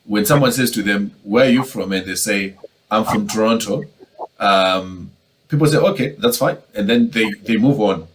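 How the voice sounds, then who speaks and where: Male moderator, low voice, relaxed panel chat that acts out little dialogues. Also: moderate pace, slight background noise, low-quality recording. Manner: conversational, acts out quoted exchanges. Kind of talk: casual panel discussion.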